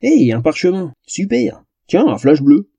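A man voicing a mischievous, giggling young female elf in a playful, husky voice. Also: sits high, sing-song, measured pace, mellow, no echo, muffled recording, pitched above the performer's own voice, heavily acted. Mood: giggly.

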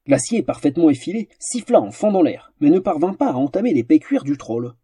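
A narrator reads a fantasy tale aloud as an expressive audiobook, full of theatrical, animated flair. His husky, mellow voice rides high with lots of pitch movement, a little fast, in a close, dry recording.

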